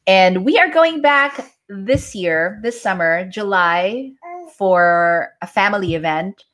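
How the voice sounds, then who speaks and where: A woman's voice: mid-range voice, takes it slowly, a bit bright. A woman in her forties with a Filipino accent, a native Tagalog speaker, chatting casually in a live stream at home and answering viewer comments as a yoga instructor. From Philippines (Manila). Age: 40s.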